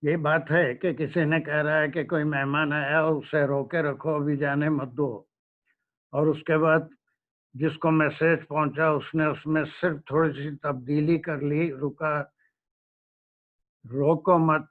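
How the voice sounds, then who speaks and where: A man giving a religious lecture, speaking slowly and pausing often to search for words. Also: on the high side. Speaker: Quran lecturer. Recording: tinny phone-like recording.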